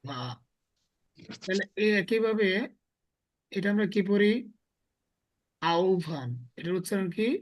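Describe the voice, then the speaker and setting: His voice sits high and his pace is slow, with frequent pauses, as this man teaches a small class step by step, quizzing students by repeating the same question over and over.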